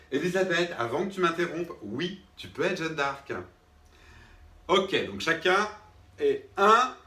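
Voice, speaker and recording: A man's voice: fairly high pitch, bright, forceful tone, heavily acted. A man playing an irritated drama teacher who talks to unseen students, patient at first and then fed up, always asking if they agree. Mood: coaxing, then soothing guidance. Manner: patient then irritated, keeps checking with "d'accord?". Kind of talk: comic one-man sketch. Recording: roomy sound, mic far off.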